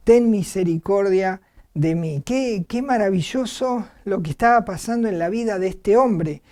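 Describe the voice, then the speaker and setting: Argentine preacher, sermon, warm dark tone, earnest and halting. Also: mid-range voice. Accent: Argentine Spanish. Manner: earnest, many hesitations and "este" fillers, retells scripture with quoted cries. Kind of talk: evangelistic sermon. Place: church.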